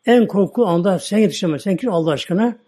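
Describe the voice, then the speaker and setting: A man's voice: high-pitched, lively intonation, fast, mellow, breathy edge. A man voicing a frightened woman who has just died and is alone in her grave, pleading and bewildered.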